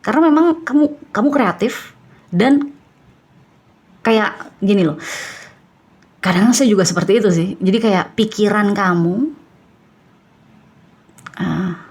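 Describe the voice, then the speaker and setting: A woman giving a casual tarot reading to camera, chatty and animated, laughing often and acting out what people might say. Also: medium pitch, slow pace, long pauses, breathy edge. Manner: animated, with sound effects and acted-out quotes. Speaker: tarot reader.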